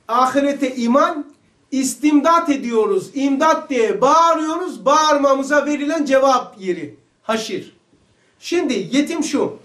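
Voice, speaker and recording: A man teaching a religious lesson, fervent and firing rhetorical questions, at times shouting. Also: extremely high pitch, echoey room.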